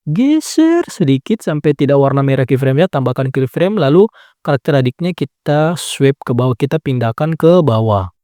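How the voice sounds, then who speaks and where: A video editing tutor, mid-range in voice and moderate in pace, calmly walks through a phone edit in a step-by-step screen tutorial. The sound is studio quality with no echo, and he keeps saying "nah" as he corrects himself.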